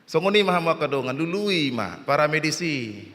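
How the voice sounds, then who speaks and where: Batak-accented male pastor, lively sermon, bright high voice, reverberant hall. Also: normal speed. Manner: animated preacher, mixing languages, acting out voices in a story. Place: church hall. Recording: long church hall reverb.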